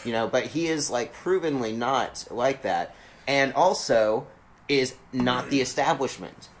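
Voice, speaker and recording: A man's voice: medium pitch, animated, unhurried. A man in casual political chat, rambling with many fillers and swearing bluntly. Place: cold unheated studio.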